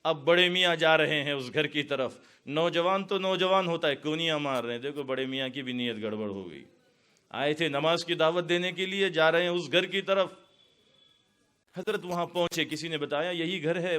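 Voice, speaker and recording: A man's voice: on the high side, sharp tone, smooth. A man from India preaching a storytelling sermon to a gathered audience, building to impassioned climaxes. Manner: dramatic, rising to impassioned climaxes.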